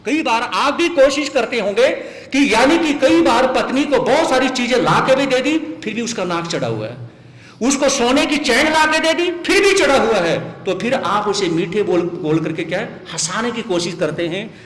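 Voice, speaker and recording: A male monk delivers a storytelling sermon with dramatic, emotional swings, often checking his listeners' agreement. His voice is high for a man and rings through a reverberant hall with a long tail. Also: lively intonation, normal speed, a bit bright. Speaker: Jain monk preacher.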